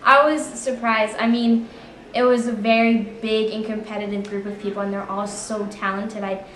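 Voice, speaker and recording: A woman's voice: medium pitch, flat delivery, normal speed, a bit bright, a little hiss or hum. A teenage girl, a student performer, speaking modestly in a documentary interview. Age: teens. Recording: echoey room, distant mic, music behind.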